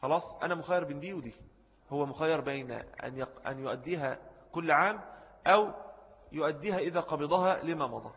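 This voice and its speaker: A man with an Egyptian Arabic accent teaches a religious jurisprudence lesson at a quick clip, his voice pitched a little high. He repeats his key points and stops to answer students. The sound trails off in a long hall reverb. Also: a bit bright.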